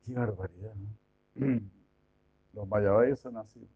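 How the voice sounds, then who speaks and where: A man's voice: fairly low pitch, steady tone, takes it slowly. A man giving an informal devotional lecture, chatty, full of rhetorical questions and mock imitations. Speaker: devotional preacher. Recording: tinny phone-like sound.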